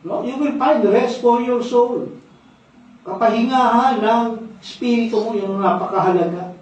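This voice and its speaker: A man's voice: very high voice, a little slow, slight background noise. A man preaching a sermon as pastor, telling stories, repeating key phrases and ending phrases with a questioning "no?". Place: church sanctuary, indoors. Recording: very echoey hall, distant dull mic.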